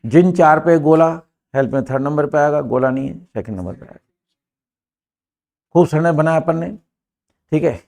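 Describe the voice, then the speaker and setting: A man's voice: a little high, moderate pace, creaky, pauses often, a little mellow. An older man with an Indian accent teaching English to a class, asking emphatic rhetorical questions, recorded from a far camera in a classroom. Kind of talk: classroom lesson.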